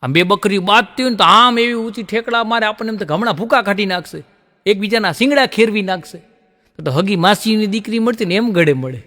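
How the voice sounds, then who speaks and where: A man's voice: high-pitched, fast talker, sharp tone. A man telling folk comedy jokes and chuckling at his own punchlines. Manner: jokey storyteller, laughs at own punchlines. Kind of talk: Gujarati folk comedy storytelling. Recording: long hall reverb.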